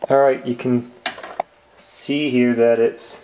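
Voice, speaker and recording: This young man's voice is medium in pitch, level, slow, and dark in tone, and the audio sounds dull. A home cooking vlogger, he casually talks through a recipe in his kitchen, rambling with lots of ums, recorded on a handheld camera mic amid echo and faint noise.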